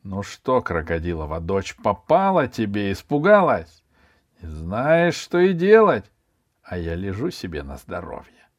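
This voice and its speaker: A man reading a storybook, voicing a lazy, dramatic schoolboy in a high, whiny voice. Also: wildly swooping pitch, unhurried, dry recording, clean studio sound, heavily acted. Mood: sly. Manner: whiny, high-pitched, theatrical wailing.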